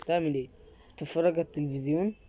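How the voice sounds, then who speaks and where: A woman's voice: low-pitched, fairly even intonation, racing, mellow, slight background noise. A woman with an Egyptian Arabic accent improvising a casual game role-play, exclaiming, asking questions and repeating her phrases. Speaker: gamer making a role-play film in Roblox.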